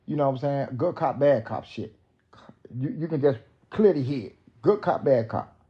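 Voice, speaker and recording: Brief: male host, mid-pitched, casual profane slang commentary, dull lo-fi recording. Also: lively intonation, moderate pace. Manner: loose, profane, street slang.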